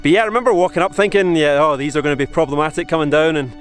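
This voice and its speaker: A Scottish man in his forties speaks to the camera out on a mountain, pausing and restarting as he thinks aloud. His voice sits a touch high and a little shaky from the cold. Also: soft background music. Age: 40s. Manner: halting, reflective, many restarts and fillers. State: shivering in the cold. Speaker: vlogger. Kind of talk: casual talk to camera. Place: outdoors on a mountain.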